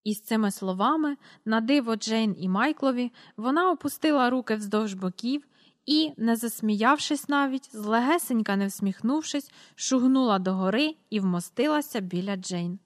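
A woman reading a storybook aloud in a steady voice, announcing the page numbers as she goes. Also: on the high side, normal speed. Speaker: reader.

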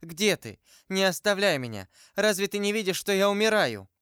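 Man reading as a frail young woman in a storybook, high and trembling, pleading in a smooth, clear voice. The voice is dry and close. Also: expressive, a little slow, a bit bright, dry recording. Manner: pleading, emotional.

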